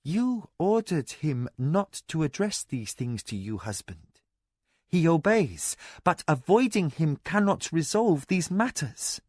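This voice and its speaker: A man voicing a cool, flat-spoken young noblewoman. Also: a little high, slow, no echo, studio quality, pitched above the performer's own voice, heavily acted. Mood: restrained. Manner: flat, controlled, restrained. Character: composed young noblewoman, quietly determined wife.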